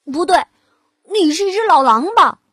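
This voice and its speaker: Woman doing loud, suspicious little pigs. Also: extremely high pitch, animated, measured pace, no echo, pitched above the performer's own voice. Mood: accusing. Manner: loud, probing questions.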